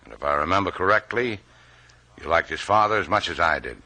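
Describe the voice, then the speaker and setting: An actor playing a tough, blunt boat captain, clipped and dry in a 1950s radio drama. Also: male voice, low-pitched, lively intonation, a little fast, bright, forceful tone, exaggerated voice. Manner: hard-bitten, clipped and dry.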